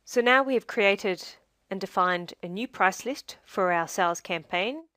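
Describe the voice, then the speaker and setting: In a dry, studio-quality recording, a medium-pitched woman demonstrates software through a scripted tutorial. She explains each step in a measured, instructional manner.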